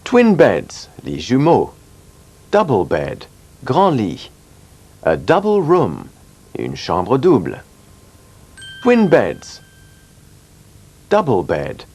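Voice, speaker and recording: A man teaching English in a scripted lesson, drilling words slowly and clearly. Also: medium pitch, wildly swooping pitch, darkish tone. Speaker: language teacher.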